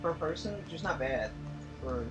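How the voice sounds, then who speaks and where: A man's voice: on the high side, animated, normal speed. A man chatting casually on a live stream, telling rambling stories and laughing often. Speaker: stream co-host. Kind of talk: casual chat. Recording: echoey room with music behind.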